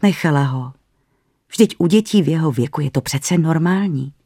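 A narrator reading a spooky family story in an even, measured way. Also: medium pitch, no echo, clean studio sound.

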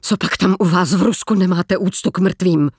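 A man voicing a young woman in an audiobook, grieving and defiant, speaking quietly and plainly. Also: high voice, fairly even intonation, breathy edge, dry recording, clean studio sound.

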